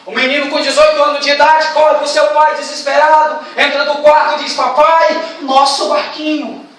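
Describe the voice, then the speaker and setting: Brief: Brazilian preacher, high voice, dramatic storytelling, heard from far off in a big church. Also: male voice, little pitch movement, fairly quick. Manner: dramatic, rising to shouts. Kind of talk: storytelling sermon. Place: large church hall. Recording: echoey church hall, distant mic.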